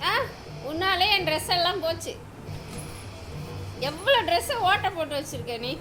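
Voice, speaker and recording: A woman's voice: very high voice, animated, normal speed, over music. A woman at home talking casually to her pet dogs, scolding and teasing them with repeated questions. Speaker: dog owner vlogger. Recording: noisy home recording.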